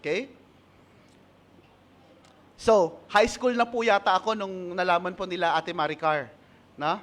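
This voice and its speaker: Man, pastor, Filipino accent, high voice, sermon with light humor. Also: fairly even intonation, measured pace, a bit bright. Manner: mixes in English, asks the congregation, laughs at his own stories.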